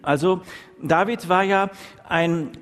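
German preacher's lively sermon in a reverberant hall. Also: male voice, sits high, takes it slowly. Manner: reads scripture aloud, then preaches with lively emphasis. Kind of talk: sermon with Bible reading.

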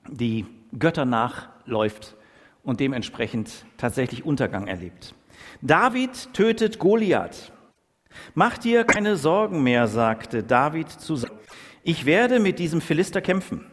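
A man with a somewhat high voice preaches a sermon in a church hall, and his words ring out with a long echo. He reads scripture in a measured way, then carries on with lively, emphatic remarks. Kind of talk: sermon with Bible reading.

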